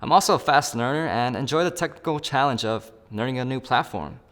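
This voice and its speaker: In a large hall, a man with a medium-pitched, somewhat bright voice and lively intonation plays a phone-interview candidate at a fairly quick pace. His scripted role-play includes upbeat asides explaining each step to the viewer.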